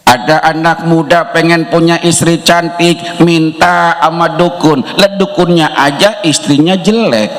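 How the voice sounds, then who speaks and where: A man's voice: a little high, fairly bright tone. A man preaching a humorous sermon to a congregation in a large mosque, telling jokey stories full of playful wordplay. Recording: long hall reverb.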